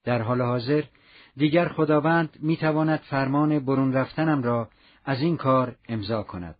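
A man doing a sorrowful, murmuring old man. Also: close to an everyday voice. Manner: low, murmured, resigned. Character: older man, sorrowful, restrained, withdrawn. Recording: dull lo-fi recording.

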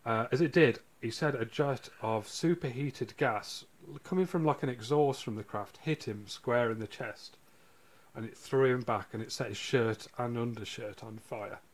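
A man hosting a casual podcast, telling a case and reading quotes aloud with halting restarts. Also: medium pitch.

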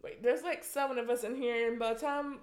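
A woman co-hosting a casual chat, telling stories in a profane, animated way and laughing as she goes. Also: fairly high pitch, fairly quick. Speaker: podcast co-host. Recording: echoey room.

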